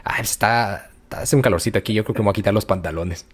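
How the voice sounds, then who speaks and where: A lazy samurai drawls along without a care, as a man puts him on. He speaks in casual Mexican Spanish, in a fairly low, everyday voice. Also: fast, breathy edge. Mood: carefree.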